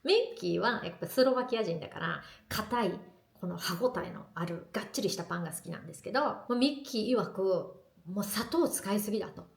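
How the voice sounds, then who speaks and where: Chatty Japanese woman vlogger, gravelly edge. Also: mid-range voice, fast, reverberant. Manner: lively, chatty storytelling. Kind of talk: casual chat to camera.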